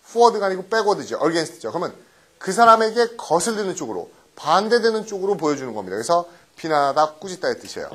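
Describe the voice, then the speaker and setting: A middle-aged man teaching English vocabulary in a recorded lecture, often quizzing his students with quick questions and tag checks. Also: high voice, fairly bright tone, slightly rough. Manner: mixes English words into explanations.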